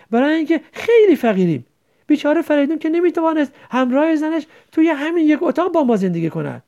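Woman voicing a caring teenage village boy, gravelly dark voice, wide swings in pitch, storybook reading. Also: muffled recording, full character voice. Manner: gentle, soothing, then bitter.

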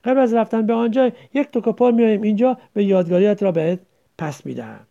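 A man's voice: high voice, gravelly, dark tone, dull audio. A man voicing a nervous, remorseful man who trembles with tension and pleads with his friend. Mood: insistent. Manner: pleading, agitated.

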